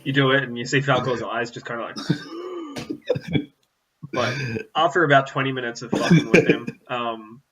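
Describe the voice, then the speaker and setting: A man's voice: medium pitch, fairly even intonation, brisk, hardly any pauses, a crowd in the background, rough recording. A man narrating a tabletop game as game master, meandering and full of fillers.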